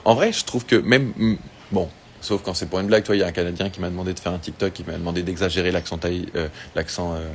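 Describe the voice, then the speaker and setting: Speaking quickly in a deep, steady voice, with a little hiss or hum present, a singer hosts an Instagram live outdoors or in an open space in Tahiti. On his phone he casually answers fan questions, chatty and easygoing, with many fillers and restarts.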